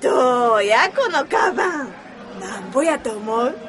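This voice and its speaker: A woman plays a brash middle-aged Osaka auntie hawking cheap goods in a comic radio skit, her Kansai patter drawn out and unhurried. The voice sits high, bright and cutting, with big swoops up and down as she pushes a sale. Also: sing-song, some chatter behind. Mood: pushy salesy. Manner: brash, haggling sales patter.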